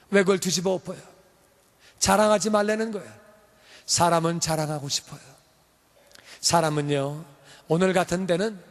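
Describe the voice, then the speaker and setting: A male pastor preaches with animated swings from forceful emphasis to hushed asides. His voice sits high for a man. A long church-hall reverb trails every phrase. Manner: animated, shifts between loud emphasis and quiet asides. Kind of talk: sermon.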